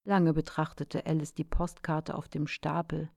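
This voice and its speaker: Woman reading a story aloud, slow and measured, low mellow voice, dry sound. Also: level tone, vocal fry, no room sound. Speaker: narrator.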